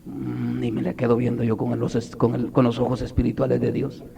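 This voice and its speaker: A man's voice: medium pitch, monotone, a little fast, vocal fry, background noise. A man preaching a fervent sermon who keeps putting rhetorical questions to the congregation.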